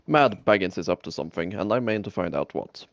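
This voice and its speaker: Folksy older hobbit man, as a man plays him, low voice, muffled and dry. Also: lively intonation, brisk, dry recording. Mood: determined. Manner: folksy, determined storyteller. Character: curious older male hobbit from the riverlands.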